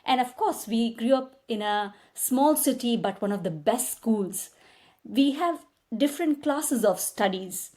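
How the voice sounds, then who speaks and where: A woman in her thirties from India with an Indian accent, a guest migration agent telling her life story in a casual interview, animated and full of quoted dialogue. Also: fairly high pitch, a little slow. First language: Tamil.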